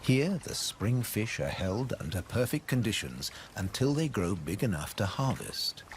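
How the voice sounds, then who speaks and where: A man reading scripted nature documentary narration in a measured way, with dramatic pauses. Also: fairly low pitch, sing-song, noisy background. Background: background music.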